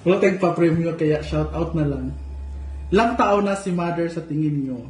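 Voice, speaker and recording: A man's voice: fairly high pitch, normal speed. A man hosting a casual livestream, reading out viewer comments with playful, teasing jokes. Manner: playful and teasing, joking asides. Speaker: vlogger reading live comments. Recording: echoey room with faint noise.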